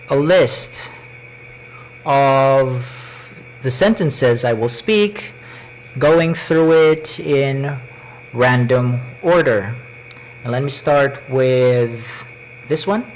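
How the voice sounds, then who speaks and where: A man with a Cebuano Filipino accent presents a live tech demonstration in deliberate, measured short phrases, speaking into a wired microphone. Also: mid-range voice, a little hiss or hum, poor audio. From Philippines. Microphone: wired microphone into a laptop.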